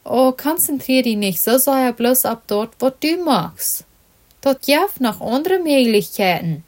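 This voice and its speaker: Woman reading caring young woman, anxious, pleading, storybook, high pitch. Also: lively intonation, measured pace, darkish tone.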